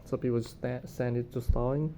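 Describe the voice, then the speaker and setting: A man's voice: fairly even intonation, moderate pace, warm tone. A man giving casual, unscripted commentary on current events, hesitant and often searching for words. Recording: noticeable low rumbling background noise.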